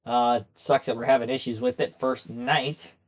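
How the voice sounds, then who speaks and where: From a desk in a small room, a young man hosts a racing commentary livestream, chatting casually and directly with his viewers. His slightly hoarse voice is medium in pitch, with a steady tone and moderate pace.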